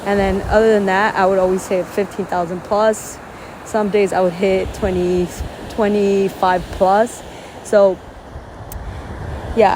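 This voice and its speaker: Here a woman whose first language is Spanish addresses her camera outdoors on a beach, her mid-range voice earnest, chatty and packed with fillers. Background noise comes from the loud waves around her.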